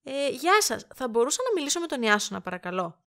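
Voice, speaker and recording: An actress playing a sick, impatient young woman who is sarcastic and quick-tempered. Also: high voice, very animated, sharp tone, full character voice. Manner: snappy and sarcastic.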